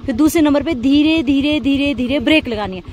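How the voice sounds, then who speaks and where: A woman teaching scooter riding outdoors on a hilly road, giving patient step-by-step instructions and coaxing the rider on with steady praise. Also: high-pitched, fast, faint music behind. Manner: encouraging, coaxing, repeats cues like "shabash". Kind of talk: hands-on instruction.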